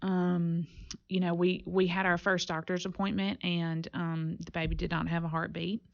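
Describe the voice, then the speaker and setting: Woman in her forties, podcast guest, earnest faith testimony, lower voice, muffled sound. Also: flat delivery, normal speed, gravelly. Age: 40s. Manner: earnest, reflective storytelling. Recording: muffled lo-fi audio.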